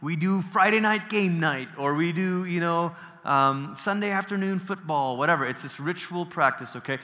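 A man from Malaysia leads a casual theology workshop as the speaker, lecturing conversationally in a big-room acoustic. His voice is fairly high, bright and forceful at a normal speed; he checks in with the audience, asks them questions, often restarts phrases, and laughs easily.

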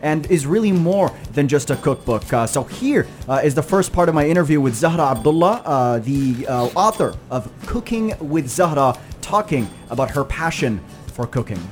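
Relaxed male radio host. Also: on the high side, moderate pace, hardly any pauses, soft background music. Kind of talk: radio interview.

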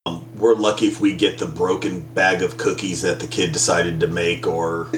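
A man's voice: low voice, level tone, moderate pace. A man co-hosting a casual podcast, a public school teacher rambling with wry, profane banter. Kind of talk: casual chat. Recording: echoey room with faint hum.

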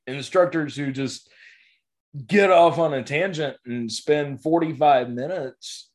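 A man's voice: on the high side, slow. A man with a Southern US accent co-hosting a podcast, chatting casually and laughing often. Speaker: podcast co-host. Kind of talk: casual chat.

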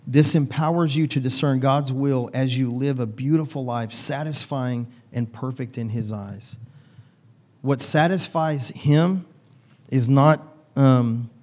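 Taking it slowly in a medium, slightly mellow voice, this preacher keeps his sermon folksy and conversational. He banters with the congregation and teases people by name.

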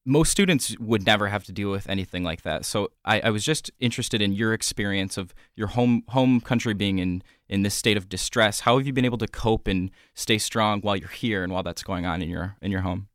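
Young man, radio host, lowish voice, dry studio sound, earnest measured questions. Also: a bit bright, no echo. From Michigan. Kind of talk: campus radio interview.

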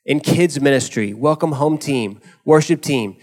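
A man with a voice a little higher than most addresses a church as one of its leaders. His delivery is conversational and encouraging, like an informal talk from the front. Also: a little slow, a little mellow. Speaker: church leader hosting the service.

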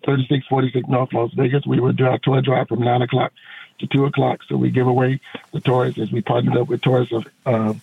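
Earnest middle-aged pastor over a tinny phone line. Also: male voice, mid-range voice, little pitch movement, a little fast, creaky, slightly rough. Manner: earnest, rambling with many fillers and restarts. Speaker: pastor and veteran guest. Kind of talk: phone-in radio interview.

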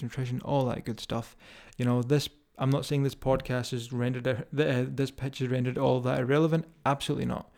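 This is a man hosting a fitness podcast, talking informally and directly to his audience in a casual motivational style. He has a strong Scottish accent and a medium-pitched, slightly mellow voice.

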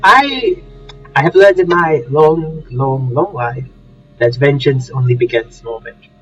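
A man's voice: mid-range voice, measured pace, fairly bright tone, natural voice. Man role-playing long-lived showman, fussy, mild, florid wording, tabletop game, off-mic, faint music behind. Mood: fussy, conciliatory. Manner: florid, old-fashioned wording with hesitant restarts. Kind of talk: in-character tabletop role-play. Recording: distant, muffled mic with music underneath.

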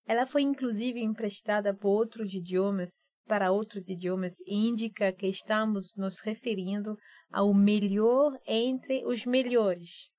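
A woman's voice: medium pitch, fairly even intonation, unhurried, darkish tone, dry recording, clean studio sound. A woman with a Brazilian Portuguese accent, co-hosting a casual educational podcast and explaining phrases with examples. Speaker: podcast co-host.

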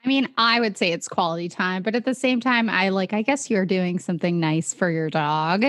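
A woman's voice: fairly low pitch, normal speed, fairly bright tone, dry recording. A woman co-hosting a podcast on a radio station, chatting in a lighthearted, casual way. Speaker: podcast co-host. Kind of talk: casual chat. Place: radio studio.

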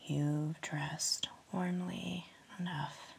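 A woman speaks entirely in a soft, breathy whisper, drawn out at an extremely slow, lulling pace. Her voice sits low, and a faint rumble hums underneath. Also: little pitch movement. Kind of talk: whispered sleep story.

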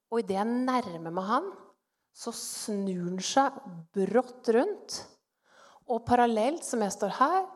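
A middle-aged woman giving a personal faith testimony, telling her story in an animated way and acting out her own thoughts. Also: fairly high pitch. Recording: long hall reverb.

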